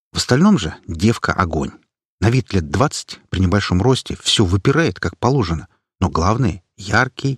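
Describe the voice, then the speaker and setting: Husky, wry male audiobook narrator. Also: deep voice, no echo, studio quality. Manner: wry, ironic storytelling. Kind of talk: first-person audiobook narration.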